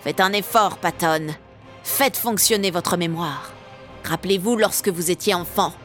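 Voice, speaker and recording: A woman reading aloud voices a vengeful older witch in a storybook, speaking in a menacing, hushed growl. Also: lowish voice, a little slow, faint music behind.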